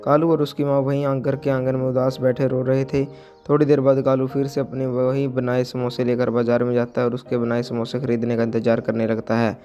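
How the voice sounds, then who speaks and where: A man narrating a moral story in a steady, matter-of-fact way. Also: medium pitch, brisk, muffled recording, soft background music.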